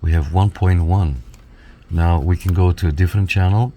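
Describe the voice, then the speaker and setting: A low, dark-toned male voice at a moderate pace carries this casual product walkthrough, with a little hiss or hum in the background. The speaker, a radio reviewer, demonstrates the equipment step by step for viewers.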